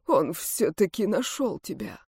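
A woman's voice: medium pitch, sing-song, a little slow, a little mellow, slightly rough, no room sound, clean studio sound, exaggerated voice. A woman voicing a weak, ashamed old man in an audiobook, speaking faintly and pleadingly.

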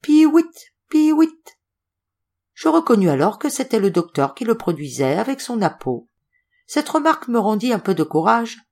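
A woman narrating an audiobook in an expressive storytelling manner. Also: fairly low pitch. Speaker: volunteer audiobook reader.

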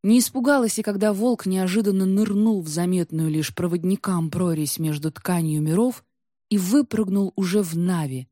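A woman reads a storybook in a measured, dramatic way. Her voice is low and mellow. The recording is dry and close, with no room sound. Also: dry recording. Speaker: audiobook narrator. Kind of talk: scripted storybook narration.

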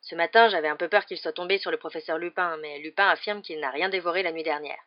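A reader doing a big, excitable, soft-hearted gamekeeper. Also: mid-range voice, quick pace, natural voice. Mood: confiding. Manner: excitable, loud, bursting with news. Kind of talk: audiobook character voice. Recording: slightly dull lo-fi recording.

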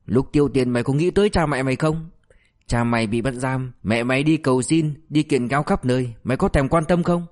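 A man's voice: mid-range voice, brisk, darkish tone, close to an everyday voice. A man voicing a ruthless male police officer who berates a suspect with harsh, relentless abuse. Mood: contemptuous.

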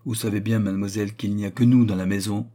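A man's voice: on the low side, fairly even intonation, fast, mellow, lightly acted. A man reading a placid old manservant. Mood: calm. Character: placid old male servant, calm.

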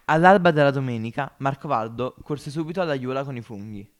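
A man narrating a story in an amateur audiobook podcast, in a measured, expressive reading. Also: mid-range voice.

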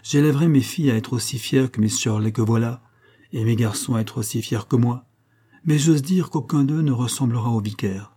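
A proud working man of about forty, read by a man. He speaks in a dark, mellow, slightly husky voice, earnest and plain-spoken. The storybook reading is steady and unhurried. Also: medium pitch, lightly acted. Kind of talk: audiobook character reading.

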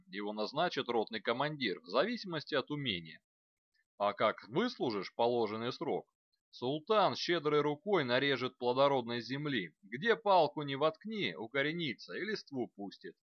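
Male narrator doing a rough company sergeant for an audiobook, loud barking delivery, dry and slightly dull sound. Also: medium pitch, big pitch swings, normal speed, no room sound. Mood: gruff reassurance. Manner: loud barking, blunt pep talk. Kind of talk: audiobook character voice.

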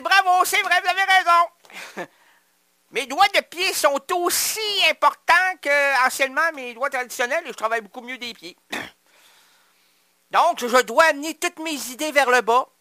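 A radio host putting on a rueful sculptor who rambles and stumbles through his story in a bright, forceful voice, as dry and close as a studio booth. He halts and restarts with a self-mocking touch. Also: extremely high pitch, lively intonation, normal speed, dry recording, exaggerated voice. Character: male sculptor, 25 years, cut his fingers, now works with his feet.

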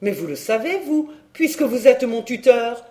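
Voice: mid-range voice, very animated, normal speed, mellow, close to an everyday voice. A reader as an earnest young nobleman. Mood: pleading.

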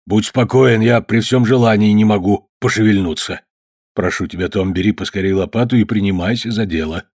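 A man voicing a middle-aged farmer father who speaks in a low, grumbling, gruff way. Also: fairly quick, darkish tone, dry recording, studio quality.

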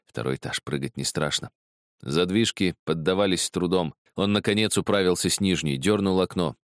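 A man narrating an audiobook in a measured, grave manner. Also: deep voice, no echo, studio quality.

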